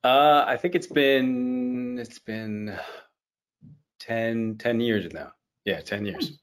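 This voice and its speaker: In this casual interview chat over video call, a young actor from Haiti speaks as a guest in an easygoing way, often repeating himself. His voice sits at medium pitch and he draws out his words.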